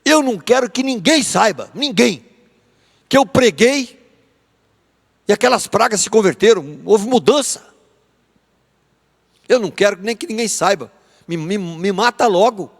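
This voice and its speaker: Angry ranting prophet voiced by a male teacher: resentful, petulant, pitched up, Brazilian accent, reverberant hall. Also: expressive, a little slow, long pauses, full character voice. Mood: bitter. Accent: Brazilian Portuguese.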